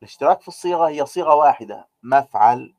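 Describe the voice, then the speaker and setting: Male teacher, mellow tone, dry close sound, patient step-by-step explainer. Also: on the high side, animated, quick pace, dry recording. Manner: explains step by step, with many "aah" fillers and rhetorical questions. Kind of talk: grammar lecture.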